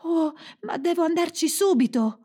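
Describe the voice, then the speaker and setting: A woman voicing a brave, tearful young girl in a storybook, high and pleading. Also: moderate pace, darkish tone. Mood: eager.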